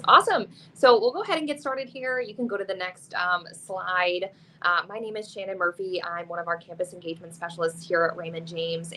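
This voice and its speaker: Woman, campus recruiter, bright forward voice, upbeat webinar pitch, noticeable background noise. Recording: clearly noisy background.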